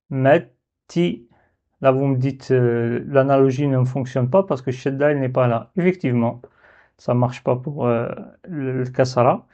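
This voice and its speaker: A man teaching the Arabic alphabet step by step, slowly repeating syllables for learners to copy. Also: mid-range voice, dark tone, lo-fi sound. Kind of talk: step-by-step letter lesson.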